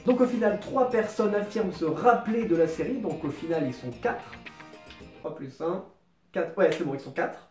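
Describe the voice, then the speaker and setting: Man, fast-talking comic host, mocking and self-deprecating, roomy echo with no proper mic. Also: high-pitched, dark tone. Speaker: YouTube host. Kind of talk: comedic video commentary.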